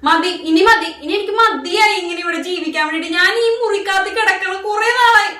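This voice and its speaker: A woman's voice: very high-pitched, a little fast, bright, forceful tone, distant mic. Woman as an angry wronged wife. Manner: heated, accusing, demanding answers. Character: angry young wife confronting a cheating husband. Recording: echoey room, voice off-mic.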